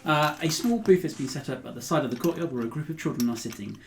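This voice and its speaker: A man's voice: a little high, lively intonation, fast, slight background noise. A man narrating a tabletop game as game master, conversational and often searching for words.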